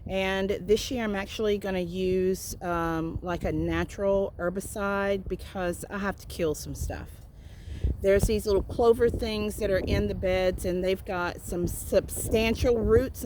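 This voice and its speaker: A woman's voice: medium pitch, a little slow, background noise. A woman casually vlogging outdoors in the countryside while walking and foraging, chatty and self-deprecating.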